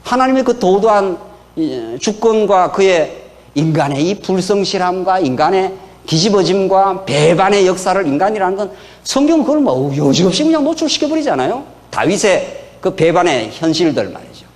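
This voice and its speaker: Animated man preaching. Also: high-pitched, moderate pace. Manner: animated, folksy preaching with rhetorical questions. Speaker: pastor. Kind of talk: sermon lecture.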